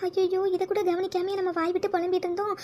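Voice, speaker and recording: A very high, girlish voice for a lovestruck young woman in a homemade cartoon serial, performed by a woman. She frets to herself and stammers when cornered. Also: level tone, fast talker, dark tone, slight background noise. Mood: fretful. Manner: flustered, stammering, talks to herself. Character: young woman dreaming of a mystery lover.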